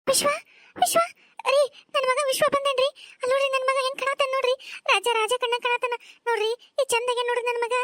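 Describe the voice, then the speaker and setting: A woman's voice: very high voice, steady tone, quick pace, no room sound. A woman voicing a doting older village mother with a North Karnataka accent, tearful and pleading, in a cartoon. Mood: tearful joy. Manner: pleading, emotional. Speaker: voice actor. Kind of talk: cartoon voice acting.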